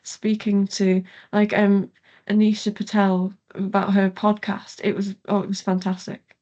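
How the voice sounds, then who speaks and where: A woman's voice: mid-range voice, completely flat delivery, unhurried, dark tone, dull audio. A young woman from Galway with a west of Ireland accent, answering questions casually as an interview guest. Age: young adult. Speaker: interview guest, pharmacy student.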